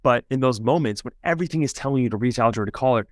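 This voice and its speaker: A man's voice: medium pitch, racing, no room sound, clean studio sound. A man coaching a client on his marriage, affirming him and often checking in with "right?". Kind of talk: coaching interview.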